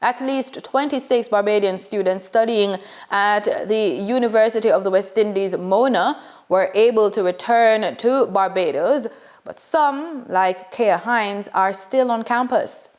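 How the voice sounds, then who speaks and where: A woman anchoring a news bulletin, reading in a measured, scripted way. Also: mid-range voice, a little mellow.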